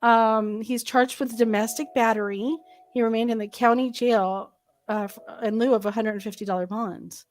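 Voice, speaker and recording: A woman's voice: fairly high pitch, steady tone, moderate pace. A woman co-hosting a casual podcast, playful and giggly as she chats and reads aloud. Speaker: podcast co-host. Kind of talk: casual chat.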